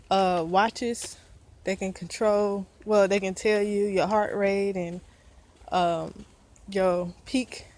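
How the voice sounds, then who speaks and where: A woman's voice: medium pitch, a little mellow, slight background noise. A woman with a Southern US accent, vlogging outdoors in casual, earnest talk, a bit out of breath and encouraging. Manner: earnest, encouraging, rambling with fillers.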